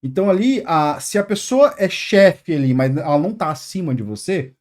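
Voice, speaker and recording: A Brazilian man hosting a casual advice chat, telling a work story in animated bursts, with many fillers and restarts. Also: on the high side, normal speed. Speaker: channel host.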